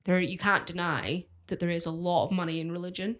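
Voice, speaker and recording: A woman's voice: fairly low pitch, steady tone, brisk, a bit bright. A woman co-hosting a podcast in casual chat, talking with a lot of "like" and asking her guests questions. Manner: chatty, full of "like", asks questions. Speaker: podcast co-host.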